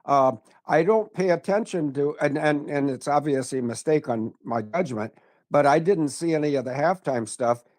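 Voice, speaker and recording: A man's voice: fairly high pitch, normal speed, a little mellow. Blunt, rambling man in his seventies. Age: 70s. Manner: blunt, rambling, tangent-prone. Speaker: regular commentator. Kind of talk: casual chat.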